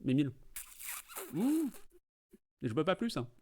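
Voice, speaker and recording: A man's voice: medium pitch, big pitch swings, racing, warm tone, slight background noise. A man with a Québécois accent hosting a watch party, chatting playfully and laughing often. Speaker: host. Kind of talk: casual watch-party commentary.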